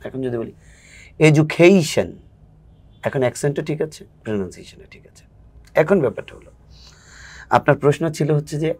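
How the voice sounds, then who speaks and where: A man's voice: fairly high pitch, fast, long pauses, a little mellow, husky. A man who coaches spoken English, a guest in a casual interview, explaining patiently and acting out examples.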